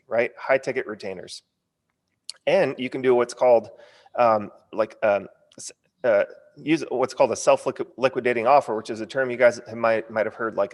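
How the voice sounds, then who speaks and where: Numb-lipped, stumbling American man in reverberant sound. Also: mid-range voice. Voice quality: stumbling, numb-lipped speech from a partly numb lip. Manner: informal, punchy, frequent check-in tags. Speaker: online course coach. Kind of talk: casual sales training webinar.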